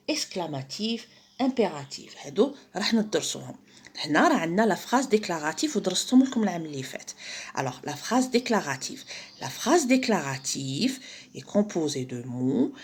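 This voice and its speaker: A woman's voice: fairly low pitch, husky. A young woman, a French teacher from Algeria, explaining a primary school textbook page and switching between French and Algerian Arabic, with her own Algerian accent. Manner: mixes French with Algerian Arabic, repeats key words slowly.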